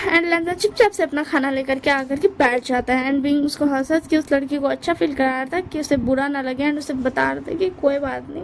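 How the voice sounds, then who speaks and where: A woman retells a romance story in a loose, rambling way, correcting herself as she goes. Her voice sits high and bright. A faint background noise is heard behind her. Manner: rambling, many fillers and restarts.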